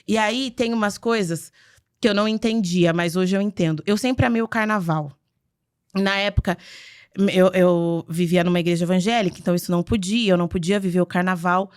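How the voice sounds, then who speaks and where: Her voice is on the low side, fairly quick, and clean in tone as she tells childhood stories on a podcast interview. She's a woman in her twenties from the interior of Minas Gerais, Brazil, a beauty communicator whose chatty, animated anecdotes come with laughter and frequent "entendeu?".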